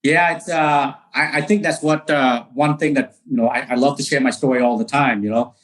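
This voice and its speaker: A man's voice: mid-range voice, steady tone, a little fast, a bit bright, rough recording. A man from Vietnam, a real estate broker telling his story in a casual interview, earnest, with many fillers and restarts.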